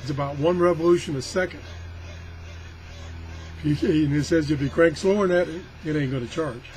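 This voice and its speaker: An older man with a fairly high, slightly mellow voice talks at a moderate pace while casually showing off a product. As a product reviewer, he rambles in a folksy, self-deprecating, grumbling manner, and the amateur recording is clearly noisy.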